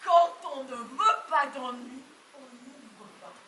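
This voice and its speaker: A woman on a theatre stage playing a bossy, exasperated mother of the bride who shouts and interrogates. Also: high-pitched, takes it slowly, full character voice. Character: bossy, frantic middle-aged mother of the bride. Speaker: stage actor. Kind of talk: live stage comedy acting. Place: farm theatre stage, live audience. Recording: echoey room, far off, faint hiss.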